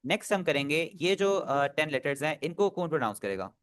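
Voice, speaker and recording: A man's voice: a little high, big pitch swings, brisk, fairly bright tone, dry recording. A man teaching an online Japanese class, patiently drilling pronunciation over a video call.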